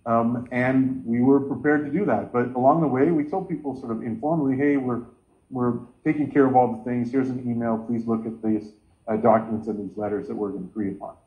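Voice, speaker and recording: Brief: man in his 40s, chairing a video call, medium pitch, dull lo-fi laptop sound. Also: steady tone, brisk. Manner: earnest, gesturing with both hands. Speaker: caucus meeting chair. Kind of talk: online meeting remarks. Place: home room with bookshelves.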